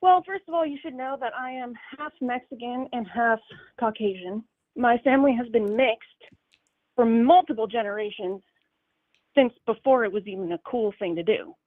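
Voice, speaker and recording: A woman's voice: fairly high pitch, normal speed. A woman in her twenties calling in over a metallic, robotic-sounding phone line, explaining her views point by point. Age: 20s. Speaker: caller. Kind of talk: phone-in political debate.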